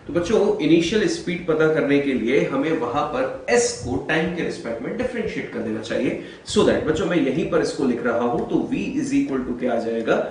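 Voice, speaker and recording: A man's voice: mid-range voice, lively intonation, normal speed, hardly any pauses. A man teaching physics in a classroom lecture, addressing the students as children and answering his own questions. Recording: very echoey room, far from the mic, faint noise.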